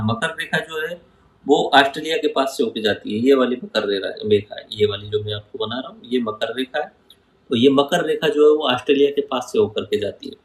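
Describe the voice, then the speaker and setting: A man's voice: mid-range voice, reverberant, low-quality recording. A man teaching geography over a map, asking his students questions and answering them himself. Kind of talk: map-based lecture.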